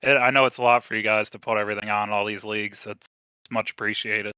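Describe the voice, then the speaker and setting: A man speaking in a post-race interview as the runner-up, relaxed and friendly, a bit halting. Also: fairly low pitch, clean tone, no room sound, highs cut off. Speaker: second-place racer.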